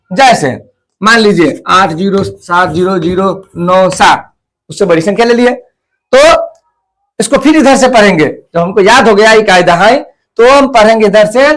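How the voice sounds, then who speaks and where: High-voiced man teaching a slow math lesson. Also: fairly bright tone. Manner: slow, deliberate, repeats place values step by step.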